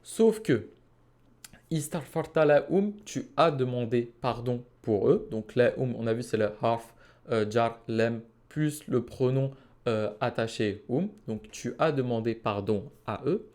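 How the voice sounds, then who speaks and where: A man's voice: mid-range voice, a little mellow. Man teaching Arabic verse by verse. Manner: patient explaining, reciting Arabic phrases slowly. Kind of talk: Quranic Arabic lesson.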